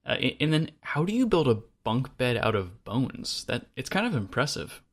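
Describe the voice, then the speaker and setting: Male podcast co-host, casual chat, dry deadpan delivery. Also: medium pitch, moderate pace.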